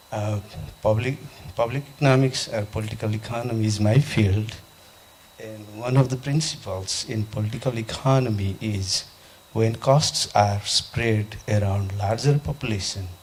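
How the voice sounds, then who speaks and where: A man from Nepal in an audience, asking a panel a question at a conference, halting and repeating himself. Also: fairly low pitch, slight background noise. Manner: halting, repeats his question, frequent restarts. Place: conference hall.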